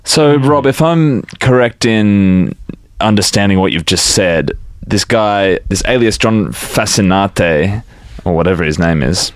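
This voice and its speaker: A man's voice: fairly low pitch, lively intonation, measured pace, no room sound. A man co-hosting a comedy podcast, teasing and incredulous in banter. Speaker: podcast co-host.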